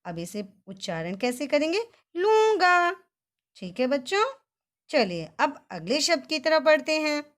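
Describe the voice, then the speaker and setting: This is a children's Hindi vocabulary lesson led by a woman whose high, bright voice rises and falls as she coaxes the class. She cheers them on in a sing-song, animated manner between words, which she slowly repeats syllable by syllable.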